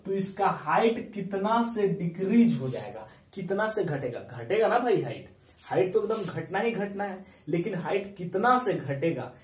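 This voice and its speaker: A man teaching a math lesson with a Bihari Hindi accent, explaining step by step and answering his own questions. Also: sits high. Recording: echoey room, mic far off.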